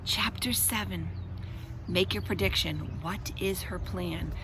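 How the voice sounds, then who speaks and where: Reading a children's story aloud, a woman with a fairly low-pitched voice takes it slowly and adds dramatic, expressive emphasis. She chats to her listeners in asides over a noisy background.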